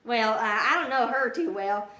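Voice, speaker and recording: A woman's voice: on the high side, expressive, moderate pace, sharp tone. A woman playing an awkward young townswoman who rambles hesitantly with many fillers. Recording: echoey room.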